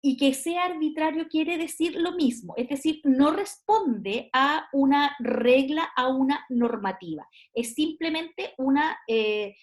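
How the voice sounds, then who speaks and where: A woman's voice: high-pitched, expressive, slow, few pauses. A woman giving an online university lecture, thinking aloud with many fillers and tag questions.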